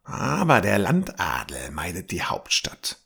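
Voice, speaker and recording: A man's voice: sits low, huge pitch swings, gravelly, a bit bright, husky, full character voice. Man doing a grumbling old bearded storyteller. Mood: grave warning. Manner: slow, grave warnings, sometimes dropping to a whisper.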